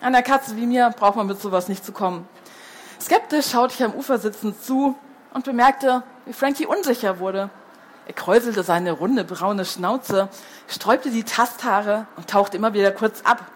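A woman with a mid-range voice at normal speed, with a little hiss or hum, reads a children's book aloud as the storyteller. Between passages she chats, slipping into hesitant fillers.

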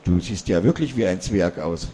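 A man's voice: sits low, animated, moderate pace, mellow, slight background noise. A man voicing a shy young boy who stammers astonished questions. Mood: timid.

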